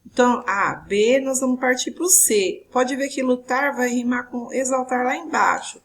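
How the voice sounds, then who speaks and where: A woman's voice: high-pitched, normal speed, slight background noise, low-quality recording. A woman teacher with a Brazilian Portuguese accent, explaining a recorded video lesson step by step and often checking in with her students.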